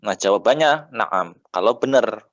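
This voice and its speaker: Low-voiced Indonesian man teaching Arabic. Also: lively intonation, dry recording, lo-fi sound. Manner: patient, says "ya" often, drills vowel endings slowly. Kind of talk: relaxed teaching.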